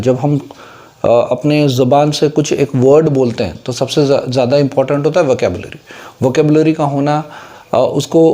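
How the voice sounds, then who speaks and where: A warm, high-leaning male voice belongs to an English teacher with an Indian English accent. In a casual whiteboard lesson he steadily explains English words, switching English terms into Hindi and asking if his students get it.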